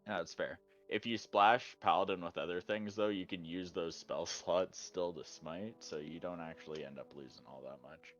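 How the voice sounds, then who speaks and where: Deep-voiced man with a bright edge. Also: fairly even intonation, moderate pace, few pauses, muffled recording, soft background music. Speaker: player. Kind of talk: casual gaming chat.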